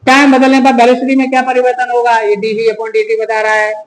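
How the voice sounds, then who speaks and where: A man's voice: very high-pitched, completely flat delivery, brisk, a little hiss or hum. Man lecturing physics in an echoey room. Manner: asks the class rhetorical questions and repeats key terms. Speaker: physics teacher. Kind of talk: classroom lecture.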